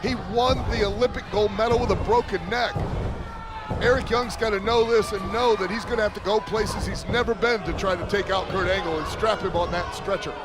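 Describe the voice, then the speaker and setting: A man's voice: sits high, fairly even intonation, fairly quick. A man working as a wrestling color commentator, giving emphatic live analysis and reactions. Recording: loud arena crowd and music behind. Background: loud crowd and music.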